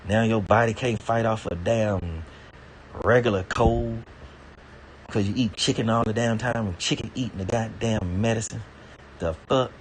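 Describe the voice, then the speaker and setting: Low-voiced man on a profane rant. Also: a little hiss or hum. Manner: rambling, swears heavily, stammers and repeats words; indignant, pitch jumps high when worked up. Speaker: vlogger.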